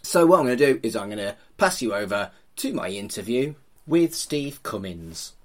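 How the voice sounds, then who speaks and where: A man's voice: mid-range voice, animated, quick pace. A middle-aged man, hosting a podcast in an informal, teasing, chatty way. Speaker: podcast host, funeral celebrant.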